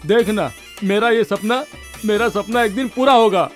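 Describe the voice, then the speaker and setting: A man plays a chatty, lovesick villager who boasts of his dreams in a high voice. Faint film music plays under the dub. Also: normal speed, lightly acted. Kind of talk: dubbed film acting.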